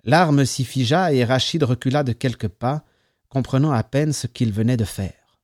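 A man reading a story aloud as narrator, calm between the voices. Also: mid-range voice, moderate pace, no room sound, clean studio sound. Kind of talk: audiobook narration.

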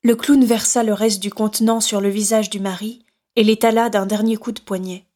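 Woman, audiobook narrator, steady measured reading, mid-range voice. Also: mid-range voice. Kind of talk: scripted narration.

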